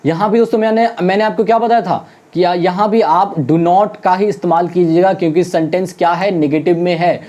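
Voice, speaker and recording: A spoken English teacher giving a lesson, who keeps calling the viewers friends and asks questions only to answer them. English example sentences are repeated slowly, one word at a time. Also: medium pitch, mellow. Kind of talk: online classroom lesson.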